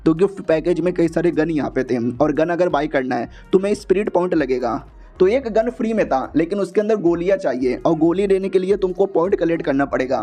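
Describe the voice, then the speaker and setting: High, mellow-voiced man recapping a comic. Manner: chatty, slangy, jokey, voices the characters in quick asides. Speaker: manhua recap narrator. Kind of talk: casual comic story recap.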